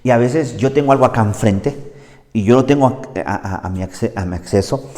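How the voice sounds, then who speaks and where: A man preaching a sermon as pastor, in an animated, exclamatory manner. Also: medium pitch, normal speed. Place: church. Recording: reverberant church hall.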